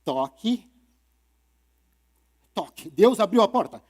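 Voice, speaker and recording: Animated, high-voiced male storyteller. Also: slow. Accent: Brazilian Portuguese. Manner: animated, playful, asks the audience questions. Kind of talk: live storytelling for an audience. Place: literary fair event.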